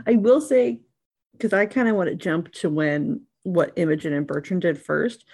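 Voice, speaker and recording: A woman co-hosting a podcast, chatting casually about a tabletop game show and acting out the players in high voices. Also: moderate pace, darkish tone, husky. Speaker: podcast co-host. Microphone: podcast mic.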